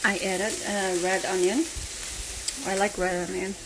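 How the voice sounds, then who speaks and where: Young woman, home-cook vlogger, unhurried easygoing chatter, heavy frying sizzle behind. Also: medium pitch, flat delivery, noisy background. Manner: chatty, easygoing, self-deprecating. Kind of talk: casual cooking vlog. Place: home kitchen.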